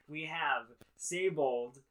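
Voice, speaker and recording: A man's voice: a little high, fairly bright tone, low-quality recording. A man co-hosting a casual chat, enthusiastic, with frequent laughs and lots of "like". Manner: enthusiastic, laughs often, heavy filler "like". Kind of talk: casual chat about video games.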